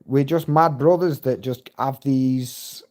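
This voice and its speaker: Middle-aged male streamer, warm low-key tone, chatty, profane and meandering. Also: slow. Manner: rambling, heavy swearing, chatty storytelling. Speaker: livestream host. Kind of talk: casual live-stream chat.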